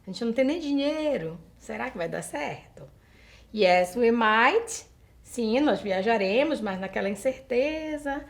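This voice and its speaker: A Brazilian woman who teaches English, explaining grammar step by step, reading example sentences slowly and translating them for her students. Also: fairly high pitch, lively intonation, creaky, a little mellow. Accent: Brazilian Portuguese. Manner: addresses students directly, asking them questions. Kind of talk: recorded online school lesson.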